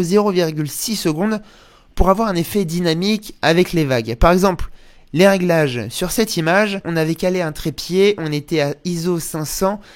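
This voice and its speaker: A young man narrating a travel photography vlog in a casual way, with informal youth slang. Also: high-pitched. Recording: music behind the voice. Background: music.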